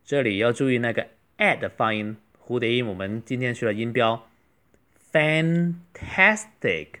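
A man teaching a beginner English lesson, slowly drawing out model phrases and explaining them quickly. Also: medium pitch, steady tone, fairly bright tone. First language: Mandarin.

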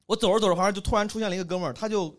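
A man's voice: high voice, very fast. A young man from Henan, a stand-up comedian, telling a story in a casual chat and laughing as he goes. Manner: animated, laughs while telling stories.

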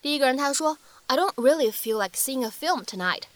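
A young woman teaching a spoken English lesson as the teacher, repeating phrases slowly and carefully to drill pronunciation. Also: high voice, expressive, no room sound.

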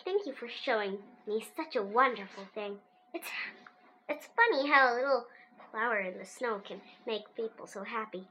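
A woman voicing a kindly middle-aged male school principal in a storybook read-aloud, speaking in a gentle, cheerful way. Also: a little high, animated, normal speed, slight background noise.

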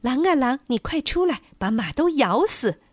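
A woman voicing a brave, determined male rooster with a high, bright crowing voice in a storybook tale. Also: sing-song, normal speed, no room sound.

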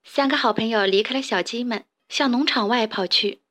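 High-voiced woman reading a children's story. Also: moderate pace, a bit bright.

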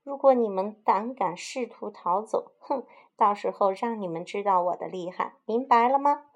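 A woman voicing a big, bossy male rooster guard in a storybook, barking loud threats. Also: medium pitch, normal speed, highs cut off, lightly acted. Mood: threatening.

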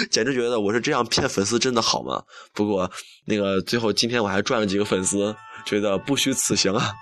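A man's voice: fairly low pitch, big pitch swings, a little fast, a bit bright, faint music behind. A young man hosting a campus radio show, telling a story in a chatty, self-mocking way and acting out the dialogue. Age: young adult. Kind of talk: casual monologue.

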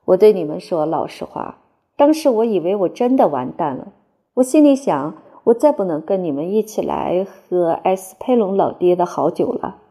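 A woman's voice: fairly low pitch, lively intonation, normal speed, mellow, breathy edge. A woman voicing a boastful male fencing master and former soldier, telling his story to a laughing crowd with a mocking, theatrical manner. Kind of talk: audiobook character voice.

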